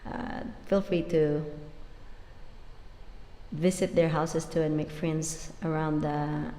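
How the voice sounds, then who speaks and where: A woman's voice: low voice, little pitch movement, slow, mellow. A woman from the Philippines with a Filipino accent hosts a casual live stream between cover songs. She chats, switches between languages and laughs often. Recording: roomy with music behind.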